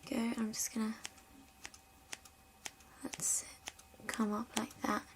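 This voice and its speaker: Softly whispering woman, ASMR hairdresser. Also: fairly high pitch, little pitch movement. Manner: soft whispering, slow and gentle. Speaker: hairdresser in a roleplay. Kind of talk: ASMR roleplay.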